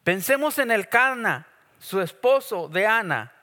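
Male preacher, slow, bright and forceful delivery, jokey sermon style, long hall reverb. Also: high voice. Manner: lively, jokey preaching with acted asides. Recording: long echo of a church hall.

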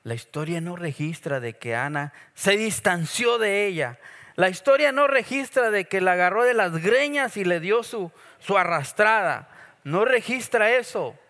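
A high-pitched man preaching slowly and deliberately, with a bright, forceful tone. His words ring out with the long reverb of a church hall, and he keeps the sermon playful with joking asides. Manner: lively, jokey preaching with acted asides.

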